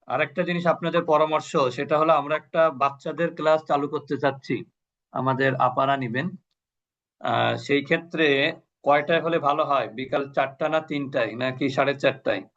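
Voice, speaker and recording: A man's voice: on the high side, fairly bright tone. A male Quran recitation teacher giving an online class, patiently drilling sounds and asking his students questions. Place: online video call. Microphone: video call mic. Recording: muffled video-call audio.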